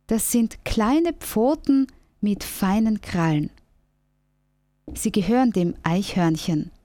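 Slow, mellow woman narrating. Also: medium pitch, no room sound, clean studio sound. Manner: calm, gentle storytelling. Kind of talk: scripted narration of a children's story.

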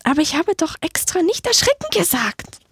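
A woman voicing a small, proud female mouse in a children's radio story, speaking in a squeaky, quick way. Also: very animated, dry recording, full character voice. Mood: eager.

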